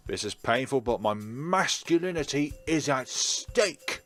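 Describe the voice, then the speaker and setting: With a medium-pitched, fairly bright voice and lively intonation, this man speaks a little slowly while voicing visual novel lines expressively in a let's play. He tosses in chatty remarks over game music.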